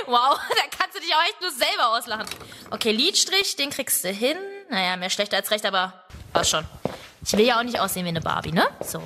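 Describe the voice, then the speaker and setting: A woman's voice: fairly high pitch, lively intonation, fairly quick, sharp tone. Self-mocking young woman talking to herself. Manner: self-mocking, chatty, nervous inner voice. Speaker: storyteller. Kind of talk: comedic first-person story with inner monologue.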